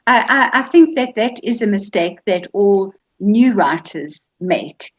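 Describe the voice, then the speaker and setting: A woman hosting an online writers' group seminar interviews her guest conversationally, her medium-pitched voice lively in intonation and unhurried, with hesitant phrasing and repeated words. Over the video call the audio sounds dry, dull and lo-fi.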